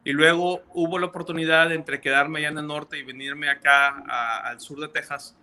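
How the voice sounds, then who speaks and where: A Mexican physician with a Mexican Spanish accent explains things earnestly as a guest in a video-call interview, using many fillers. His voice is a little high, bright, and forceful, with a steady tone at normal speed.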